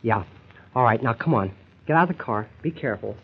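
An actor playing an exasperated, scheming husband, bossy and impatient, in the style of old-time radio comedy. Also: male voice, mid-range voice, animated, fairly quick, husky. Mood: grumbling, hushed irritation. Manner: impatient, bossy, hushing and cajoling. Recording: dull, lo-fi old radio recording.

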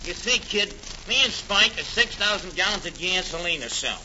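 A brash American gangster from an old radio comedy, bossy and menacing in his slangy tough talk. The voice sits high for a man. The old recording is muffled, with clear noise behind him. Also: lively intonation, moderate pace. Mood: scheming.

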